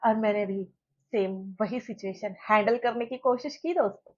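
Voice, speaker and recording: A young woman vlogger telling a storytime tale in an animated, dramatic, self-mocking way. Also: mid-range voice, normal speed. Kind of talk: storytime vlog. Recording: dull lo-fi sound.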